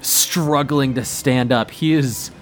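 A man's voice: mid-range voice, slow, soft background music. A man acting as game master, improvising narration for a tabletop game.

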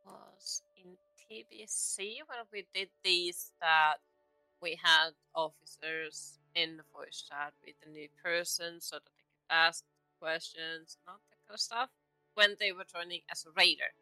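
Bright-voiced woman, teasing podcast chat. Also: on the low side, measured pace, dry recording, soft background music, poor audio. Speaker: podcast host. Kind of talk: casual chat.

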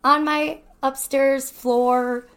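Woman, podcast host, fairly high voice, casual and chatty interviewing, recorded in a wooden cabin. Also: little pitch movement, extremely slow, fairly bright tone.

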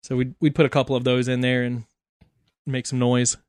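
A man guesting on a podcast, telling lively stories in casual chat. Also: medium pitch, fairly quick, clear, resonant tone, no room sound, studio quality. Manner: animated storyteller.

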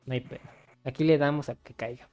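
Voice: mid-range voice, fairly even intonation, quick pace, darkish tone. A Mexican podcast host chatting casually and crudely, joking with plenty of slang and swearing. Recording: music behind the voice. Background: music.

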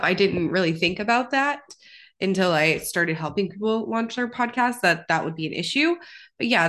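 A woman hosts her own podcast while fighting congestion, so her voice comes out a little stuffy. It sits on the lower side for a woman. She keeps the talk upbeat and casual, full of "like.". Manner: upbeat, chatty, lots of "like". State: congested sick voice. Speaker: podcast host.

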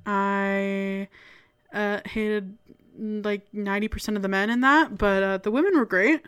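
A woman with a Canadian accent and a clear, smooth voice, co-hosting a podcast and telling local ghost lore in a conversational way. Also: medium pitch, fairly even intonation, a little slow, a bit bright. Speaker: podcast co-host.

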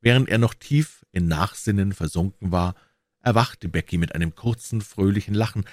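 A man reading a storybook aloud, measured and expressive. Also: on the low side, no room sound. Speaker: narrator.

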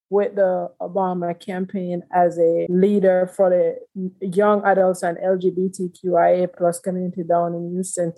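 A woman talks in a low, mellow voice. Her pitch barely moves as she lays out her thoughts in earnest, steady sentences. She sounds like a guest in a podcast interview. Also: low-quality recording. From Jamaica. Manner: earnest and steady, speaking in long, building sentences. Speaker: guest, community advocate. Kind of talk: interview conversation.

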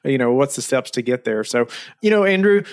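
A man's voice: mid-range voice, animated, a little fast. A man hosting a podcast interview, talking casually with many fillers. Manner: friendly, filler-heavy talk with many "you know"s. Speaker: host.

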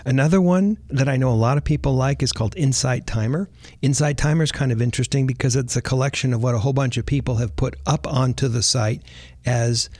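A man hosting a podcast, talking in a relaxed, chatty way and often repeating words as he thinks. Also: mid-range voice, no echo. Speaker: podcast host. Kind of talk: casual podcast talk.

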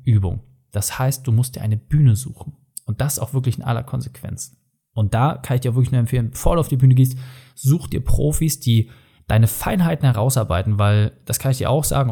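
A middle-aged man coaching his listener on how to speak, direct and emphatic, with a warm, mellow tone and a husky edge to his voice. He talks to the listener as a peer, urging and explaining like a motivational trainer. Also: medium pitch.

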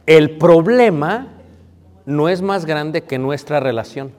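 A man's voice: a little high, lively intonation, slow pace, a little mellow. A man preaching a marriage sermon, conversational and playful, asking the audience questions. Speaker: pastor. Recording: long reverb of a hall.

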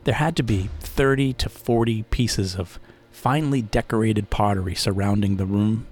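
A man with a lowish voice narrates a first-person story for his podcast. He talks casually and turns to the listener with little asides. Soft music plays faintly behind him. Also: moderate pace.

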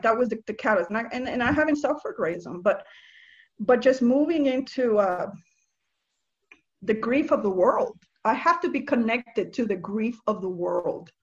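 Interview guest: woman from Nicaragua, slightly high pitch, earnest and halting, lo-fi, dull recording. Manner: earnest, halting, with many restarts and soft laughs. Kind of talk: reflective spiritual conversation.

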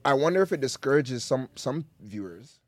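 A man's voice: mid-range voice, lively intonation, moderate pace, darkish tone, dry recording. A man with a Toronto accent in casual, slangy podcast banter, often repeating and circling back on his phrases. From Toronto, Canada. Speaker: podcast host.

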